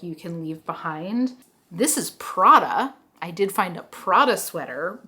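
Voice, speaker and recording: A woman's voice: medium pitch, fairly bright tone. A woman with a Philadelphia accent chatting casually to camera about thrifted clothes she plans to resell, enthusiastic and full of "like" and "you know". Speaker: reseller vlogger. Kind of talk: casual haul chat to camera.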